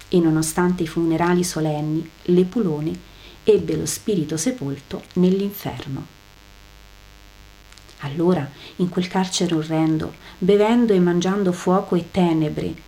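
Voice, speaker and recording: A woman's voice: lowish voice, mellow. A woman giving a solemn, emphatic dramatic reading of a religious narrative. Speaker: reader.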